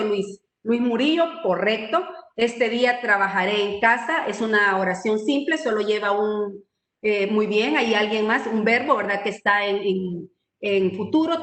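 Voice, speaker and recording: A woman's voice: medium pitch, a bit bright, roomy sound. A woman teaching a spelling and grammar lesson over a video call, explaining patiently and checking in with her class. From El Salvador. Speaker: writing and spelling instructor. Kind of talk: online training lesson.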